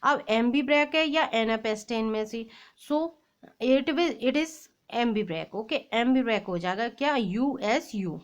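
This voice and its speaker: Slow, high-voiced woman teaching exam prep. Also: expressive. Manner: reads the English question slowly, then explains in quick mixed Hindi and English. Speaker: English teacher. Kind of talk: exam-prep lesson, reading out quiz questions.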